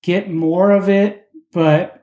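A man's voice: sits high, fairly even intonation, slow, dark tone. A man chatting as a guest on a movie podcast, hesitant and searching for words. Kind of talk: casual movie chat. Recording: roomy echo.

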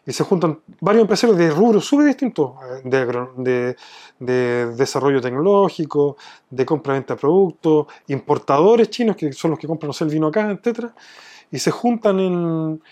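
A Chilean business owner with a Chilean accent explains things from his own experience in a conversational interview. His voice is a little high, with a dark tone.

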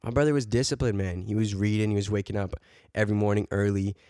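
A low-voiced man on a podcast, talking in a fired-up, preachy way. He drops bro and man as he pushes his points. The sound is close and dry. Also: steady tone, fast, warm tone, no echo. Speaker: podcast co-host. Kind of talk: casual podcast chat.

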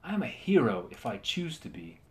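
A man's voice: medium pitch, big pitch swings, fairly quick, close to an everyday voice. A man voicing a cheerful young male zombie knight who boasts and laughs triumphantly. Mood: proud.

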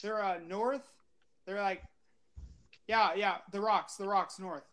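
A man's voice: sits high, steady tone, slow pace, a bit bright. A man chatting casually and exclaiming in slangy speech while playing an online game. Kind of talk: casual gaming voice chat. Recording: faint noise, keyboard clicks.

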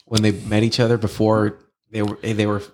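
Easygoing man telling stories, low voice. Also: completely flat delivery, fairly quick, darkish tone, slight background noise. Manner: easygoing storyteller, leans on "like" and "you know". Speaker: podcast guest. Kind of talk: casual chat.

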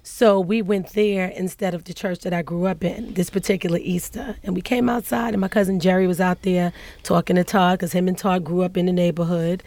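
A woman in her forties from Queens with a New York accent and a deep, husky voice, casually telling a story as a guest and laughing often. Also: steady tone, fairly quick, few pauses, a little mellow.

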